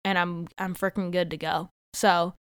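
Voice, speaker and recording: A young woman podcast host, chatty and rambling, stuffy nose, clean smooth voice, dry close sound. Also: on the low side, level tone, normal speed, no room sound. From United States. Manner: chatty, rambling, self-laughing. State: winded and a little stuffy. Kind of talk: casual solo podcast chat.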